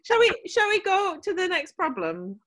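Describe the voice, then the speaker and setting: Woman, advice podcast co-host, easy chatty delivery, quick to laugh. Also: very high-pitched, big pitch swings, fairly bright tone. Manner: chatty, laughs often, reads listener letters. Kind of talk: casual chat.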